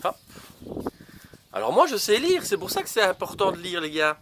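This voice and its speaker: A man talks in his outdoor garden as he plants seedlings. His slightly high voice swoops up and down with playful energy as he teases young viewers to guess each vegetable. Faint birdsong and clicks sit under the outdoor mic. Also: very animated, moderate pace, noisy background. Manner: playful, teasing guessing games, many fillers. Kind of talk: casual gardening show for children.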